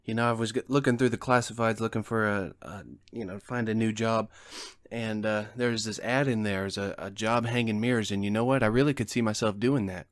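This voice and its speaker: A man's voice: fairly low pitch, fairly even intonation, fairly quick, few pauses, no echo, studio quality. A man co-hosting a podcast, telling dad jokes in casual chat and laughing at his own punchlines. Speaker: podcast co-host.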